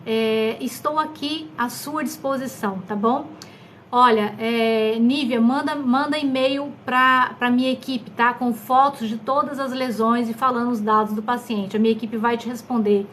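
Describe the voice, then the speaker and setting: A woman's voice: a little high, steady tone, moderate pace, a bit bright, slight background noise. A woman in her fifties, a doctor answering questions on a live stream, affectionate and often checking in with her listeners.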